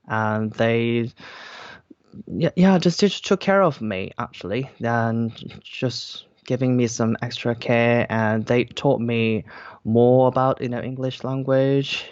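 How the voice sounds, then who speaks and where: A man's voice: medium pitch, takes it slowly, a little mellow, smooth, dry recording. A young man from South Korea with a Korean accent, a native Korean speaker giving casual, hesitant interview answers full of repeated phrases and filler words. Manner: hesitant, repeats phrases, frequent "like" and "you know". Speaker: interview guest, YouTuber. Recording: slightly dull, lo-fi audio.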